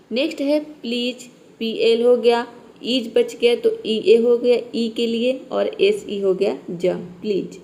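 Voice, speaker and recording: Lady teacher explaining spelling rules, slightly high voice, patient, keeps saying theek hai. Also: dark tone. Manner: patient, repeats "ठीक है" and "देखिए" often. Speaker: English teacher. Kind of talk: classroom spelling lesson.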